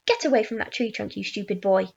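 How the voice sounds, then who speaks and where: Woman playing bossy, cruel storybook aunt: high, creaky, excitable, imperious snap. Slightly dull recording. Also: moderate pace. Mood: alarmed, bossy. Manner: shouting, snapping, imperious.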